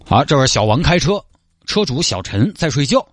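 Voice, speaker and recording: A man with a Sichuan accent telling a comic story in a quick, lively way. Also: mid-range voice, background noise.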